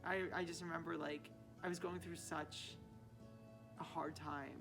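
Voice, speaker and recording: Low-voiced young woman, earnest. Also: little pitch movement, unhurried. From Maryland. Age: young adult. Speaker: directing student. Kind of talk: casual interview. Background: background music.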